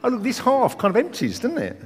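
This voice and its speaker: A man preaching a sermon in a conversational, joking way with rhetorical questions, his voice a little croaky. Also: extremely high pitch, wildly swooping pitch, a little fast. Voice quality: slightly croaky morning voice. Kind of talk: sermon to a congregation. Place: large hall, speaking to a congregation. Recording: reverberant hall.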